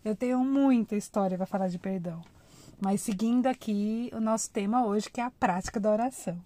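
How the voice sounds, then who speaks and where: A woman, speaking a little fast in a medium-pitched voice, delivers an informal devotional talk. She warmly chats with listeners, addressing them as "gente," and acts out emotional, heartfelt prayers as a devotional speaker.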